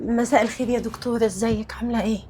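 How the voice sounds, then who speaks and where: A woman's voice: fairly high pitch, fairly even intonation, racing, a little mellow, slightly rough. A woman playing an anxious Egyptian sister. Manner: anxious, pleading. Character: worried older sister begging the doctor for help. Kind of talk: web drama acting.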